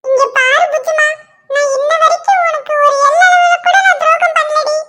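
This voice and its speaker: A woman's voice: extremely high pitch, steady tone, normal speed, bright, forceful tone. A woman voicing a henpecked male lizard who coaxes and pleads with his wife in a cartoon. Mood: pleading. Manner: pleading, coaxing. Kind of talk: cartoon voice acting.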